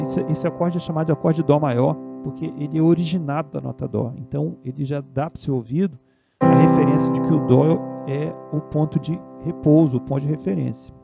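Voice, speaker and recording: A man's voice: fairly high pitch, brisk, vocal fry. A man with a Brazilian Portuguese accent teaching a piano and music theory lesson, patiently explaining step by step and checking in with "né?" and "tá?".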